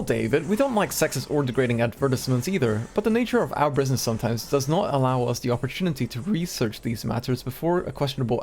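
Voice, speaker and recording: A man's voice: medium pitch, gravelly, darkish tone. A man from Singapore streaming live, reading old magazine letters aloud with casual, chatty asides between them.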